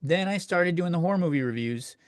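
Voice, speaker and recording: Brisk and expressive, a man with a slightly high voice comes through in clean studio sound without echo. He hosts a comedy podcast, working through listener questions in a casual, crude, rambling solo rant at his own expense.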